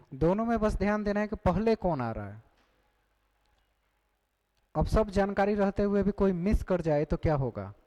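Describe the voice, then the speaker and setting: Guy teaching an exam prep class, high-ish voice, keeps asking the students stuff and repeating it. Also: mellow, low-quality recording. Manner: questioning the class, repeating key points.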